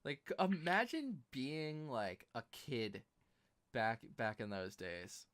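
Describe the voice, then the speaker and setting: A man's voice: mid-range voice, sing-song, takes it slowly, fairly bright tone. A young adult man hosting a casual podcast chat, laid-back, teasing and agreeing a lot. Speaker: host.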